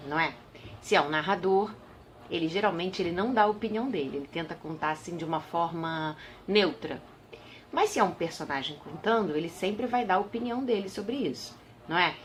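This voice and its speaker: Lively woman teacher reading to children. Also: on the low side, slight background noise. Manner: lively, addressing children directly. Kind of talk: storytelling lesson for children.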